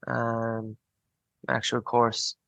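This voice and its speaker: Man, early 20s, creaky, bright tone, even pitch, colloquial casual chat, very dry sound. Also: very slow, dry recording. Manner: colloquial, frequent "like" and "you know". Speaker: podcast guest, student on work placement.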